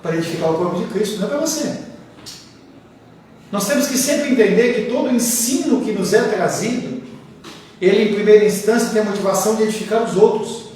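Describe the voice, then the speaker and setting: Preaching in a church hall, this Brazilian Portuguese-accented pastor talks conversationally, weaving in anecdotes and asides. He sits high in pitch, speaks quickly, and has a darkish tone. The echoey room is captured from a distance, with faint ambience and slight background noise.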